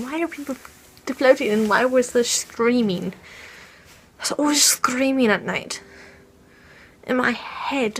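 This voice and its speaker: Woman acting out a young woman haunted by nightmares, talking low and faltering into whispers, faint hum behind her. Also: rough recording. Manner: hushed, halting, often whispering. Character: frightened young woman haunted by dreams of falling. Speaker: vlogger. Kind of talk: in-character fan fiction vlog. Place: at home. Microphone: camera mic.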